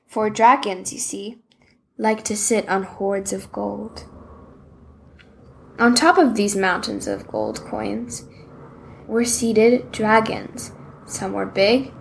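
A woman reading a children's story aloud in a gentle, expressive way. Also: on the high side.

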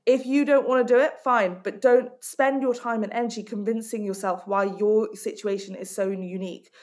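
This woman's voice has a medium pitch. She's from Hong Kong, works as a life coach and author, and gives emphatic, direct answers during a podcast interview.

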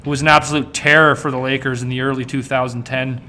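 A man's voice: mid-range voice, little pitch movement, quick pace, bright, forceful tone, slight background noise. A man in his twenties hosting a casual podcast in a jokey, teasing way. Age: 20s. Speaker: podcast host.

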